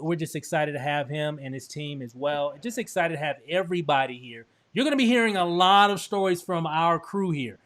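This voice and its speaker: A man from Texas hosting a casual promotional chat over a video call, upbeat and full of restarts and fillers. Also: on the high side. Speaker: host.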